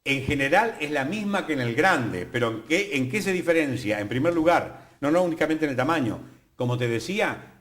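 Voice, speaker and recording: An older man with an Argentine accent explaining language on a TV studio program in a professorial, lively way with playful asides. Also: fairly high pitch, a little fast. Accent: Argentine Spanish. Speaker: guest, academy president. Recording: roomy studio echo.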